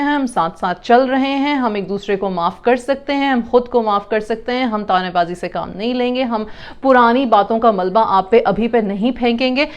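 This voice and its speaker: A woman's voice: on the high side, muffled recording. A woman explaining communication to parents, mixing in English terms and acting out example lines.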